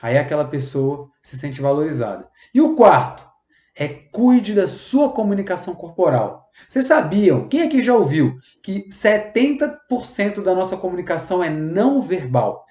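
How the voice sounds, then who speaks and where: A man with a Brazilian accent giving a lively live talk on workplace communication, speaking straight to his listeners and acting out little exchanges. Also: high voice, roomy sound. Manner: lively, addresses listeners directly, acts out little dialogues. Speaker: communication coach.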